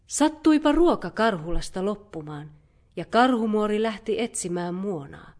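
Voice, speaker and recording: A woman narrating a children's fairy tale in a calm, measured read-aloud voice. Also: medium pitch. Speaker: storyteller.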